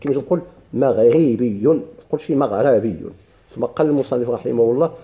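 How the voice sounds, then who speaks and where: A man's voice: mid-range voice, quick pace, dull audio. A man with a Moroccan accent teaching a grammar lesson, explaining step by step and quizzing his students with questions.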